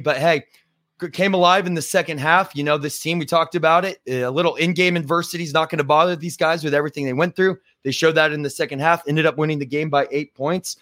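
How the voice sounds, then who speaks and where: A hoarse man hosting a sports podcast, chatty and joking with lots of fillers. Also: fairly high pitch, fairly bright tone, dry recording, studio quality. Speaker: podcast host. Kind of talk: casual sports talk.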